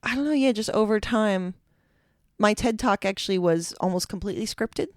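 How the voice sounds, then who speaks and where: A middle-aged woman from Alaska and Minnesota, a keynote speaker talking as a guest in an animated, expressive way. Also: medium pitch, moderate pace, no room sound, studio quality. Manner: animated, expressive, playful mimicry. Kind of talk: casual podcast conversation.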